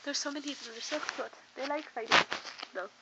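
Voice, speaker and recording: A woman's voice: high-pitched, fairly even intonation, brisk. A teenage girl chatting to her webcam in a bubbly, rambling, playful way at a friend's house. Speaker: vlogger. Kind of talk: casual vlog chat to camera. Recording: noisy home recording.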